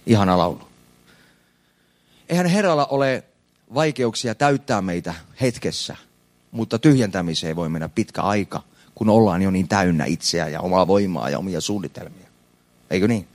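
Animated male preacher with a lively, swinging voice. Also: pauses often. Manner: animated, swings between loud emphatic peaks and low quiet asides. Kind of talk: sermon.

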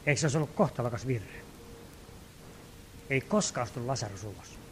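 A male pastor preaching a sermon, earnest, swinging from loud calls to hushed asides, acting out quoted prayers. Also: medium pitch, lively intonation, a little hiss or hum. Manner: acts out quoted prayers and commands.

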